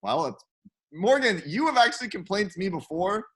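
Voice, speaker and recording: A man co-hosting and producing a casual show, chatting in hurried run-on explanations. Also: sits high, very animated, fairly bright tone.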